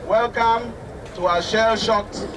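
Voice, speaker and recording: A man addressing a gathering as a community leader, slow and ceremonial in a declamatory manner. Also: high-pitched, steady tone. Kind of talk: public address. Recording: distant outdoor recording with traffic.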